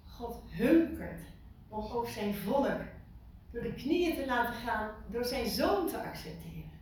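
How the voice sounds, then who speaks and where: A woman giving an informal sermon to a small group, lively and full of questions to her listeners, repeating words for emphasis. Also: on the high side, slow pace. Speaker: preacher. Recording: echoey room from far off, faint noise.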